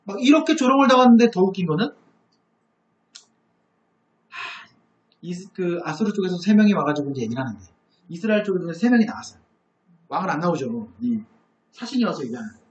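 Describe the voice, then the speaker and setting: A man giving a live Bible lecture, telling the story in an animated way and asking rhetorical questions. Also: sits high, brisk, long pauses. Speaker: Bible teacher. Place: lecture room. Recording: echoey, dull lo-fi lecture room recording.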